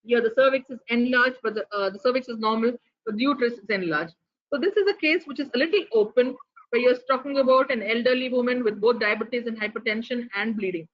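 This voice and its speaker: A woman with an Indian English accent lectures on pathology in an explanatory tone, often asking questions to the class. Her voice sits a bit high. The online recording sounds dull and muffled. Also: quick pace. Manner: explanatory, poses rhetorical questions, some restarts. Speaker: pathology lecturer giving a keynote.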